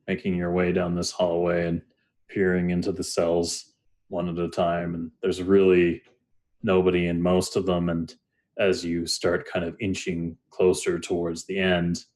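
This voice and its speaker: A man's voice: deep voice, completely flat delivery, measured pace, a little mellow. A young man narrating a tabletop game as game master, rambling with many fillers. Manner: rambling, lots of uh and like.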